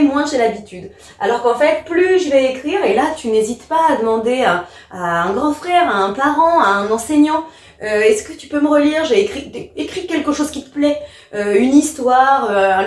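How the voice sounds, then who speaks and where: A woman's voice: on the high side, darkish tone. A woman teacher explaining a writing lesson, patient and informal, speaking to the learner directly with many small fillers. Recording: echoey room, voice a bit far from the mic.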